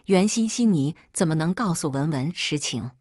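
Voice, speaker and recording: A woman voicing a bullying middle-aged mother-in-law who scolds in a shrill, accusing way. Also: animated, moderate pace, a little mellow, slightly rough, no echo, clean studio sound. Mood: scolding.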